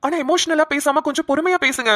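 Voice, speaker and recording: A woman voicing a calm young male doctor who reassures the family in an animated cartoon. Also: sits high, quick pace, no echo, clean studio sound. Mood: reassuring. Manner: soothing, explaining patiently.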